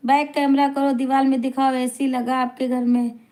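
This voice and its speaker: High-voiced chatty woman live streamer. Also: flat delivery, normal speed, warm tone. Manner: chatty, teasing, laughs often. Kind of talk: live-stream chat, reading viewer comments aloud.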